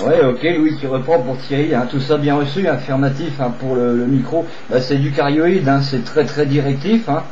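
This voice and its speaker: Over a dull, slightly noisy CB radio link, a man makes radio contact with another operator, his talk repetitive and hesitant and filled with procedure phrases. His mid-range voice moves at a normal pace with hardly any pauses.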